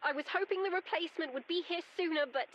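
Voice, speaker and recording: A very high, anxious young woman. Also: fast talker, a bit bright, highs cut off, slight background noise. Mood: worried. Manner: urgent, breathless pleading over a bad line. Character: anxious young woman stranded on a bus trip. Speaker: voiced character in a visual novel.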